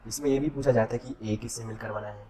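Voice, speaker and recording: A man's voice: medium pitch, steady tone, quick pace, mellow. A male teacher giving an exam-prep lesson. He asks questions and answers them himself, checking in with the class after nearly every point. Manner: drills with self-answered questions and constant "okay?" checks.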